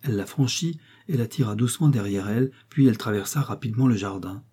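Husky low-voiced male audiobook narrator. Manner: steady, measured reading. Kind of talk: scripted narration.

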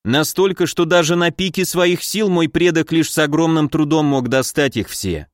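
Man doing a calm, careful teenage heir. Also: on the high side, no room sound, studio quality, pitched above the performer's own voice, close to an everyday voice. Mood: measured. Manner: measured, politely calm. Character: careful, calm sixteen-year-old boy heir.

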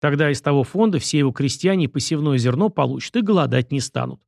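Stubborn commoner, read by a man, folksy and vehement, gravelly voice, audiobook. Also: a little high, lively intonation, fast, a little mellow, no room sound, studio quality. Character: common male coachman, proud and stubborn.

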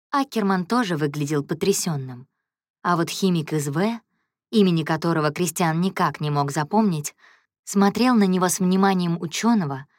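A woman reads a novel aloud in a slightly low voice. She switches into the characters by lifting her pitch and pushing louder. The sound is close and dry, with no room around it. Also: no echo. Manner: lively, voices characters by raising pitch and volume. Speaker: audiobook narrator. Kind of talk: audiobook reading with character voices.

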